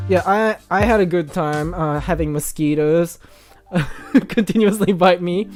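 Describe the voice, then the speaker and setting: A man hosting a casual livestream, reading viewer comments aloud in an animated, jumpy voice with frequent laughs, on a desk mic. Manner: animated, jumpy pitch, laughs often, talks straight to chat. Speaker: livestream host. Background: background music playing.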